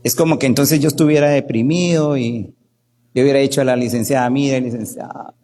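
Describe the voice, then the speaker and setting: Talking quickly in a medium-pitched voice, a man who is a doctor runs an energetic workshop in Guatemalan Spanish. Frequent "¿verdad?" checks and acted-out quotations mark his style.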